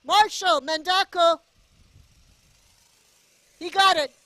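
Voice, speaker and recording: A woman's voice: extremely high pitch, takes it slowly, a bit bright, no room sound. A woman doing casual play-by-play commentary at a go-kart race, chatty and cheering the drivers on. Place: outdoor go-kart race track.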